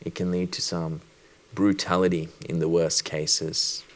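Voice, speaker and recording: A Sri Lankan man who works as a doctor gives a personal conference talk in a low voice with little pitch movement. He's reflective and measured, pausing deliberately.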